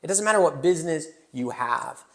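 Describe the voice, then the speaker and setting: Creaky-voiced man hosting a podcast. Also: fairly high pitch, a little fast. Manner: animated, joking asides and mild swearing. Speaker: podcast host. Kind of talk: casual business podcast talk. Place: newly built indoor studio.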